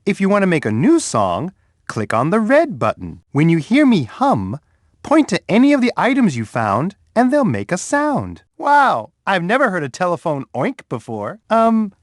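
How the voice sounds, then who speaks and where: A man voicing a big, gentle, cheerful male bear in a children's game, talking warmly and encouragingly to a young player. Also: high-pitched, wildly swooping pitch, normal speed, no echo, clean studio sound. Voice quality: warm, soft, sing-song delivery with chuckles. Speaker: voice actor for a children's game character. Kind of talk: scripted game voice clips. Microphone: dry studio booth.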